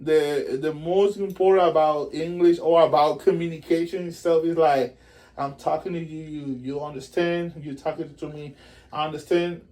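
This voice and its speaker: Man, high-ish voice; animated casual guest who acts out quotes. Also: moderate pace. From Puerto Rico. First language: Spanish. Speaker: musician guest. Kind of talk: casual interview.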